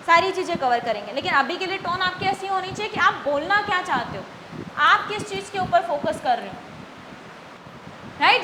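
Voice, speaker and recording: A woman teaching a spoken English class, explaining patiently in Hindi mixed with English and answering her own questions. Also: very high-pitched. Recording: echoey room with noise.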